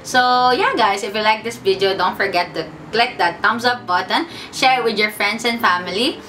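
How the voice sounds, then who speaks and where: Woman young chatty vlogger, bright tone, mic a bit far with faint hiss. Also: medium pitch, moderate pace. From Philippines. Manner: chatty, mixes Tagalog and English, says bestie. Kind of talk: casual sit-down vlog.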